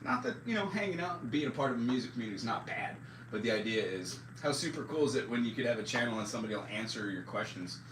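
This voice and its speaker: On a live stream, a music teacher in his forties chats casually, talking loosely with lots of fillers and poking fun at himself. He talks fast in a mid-range voice with big pitch swings and a fairly bright tone. The mic is distant, the room echoes, music plays underneath, and there's a little hiss or hum.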